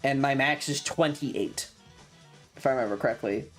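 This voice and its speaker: Over background music, a mid-pitched streamer tells a livestream chat about a tabletop game adventure at normal speed. The animated, sweary storytelling hammers key words and repeats phrases for dramatic effect.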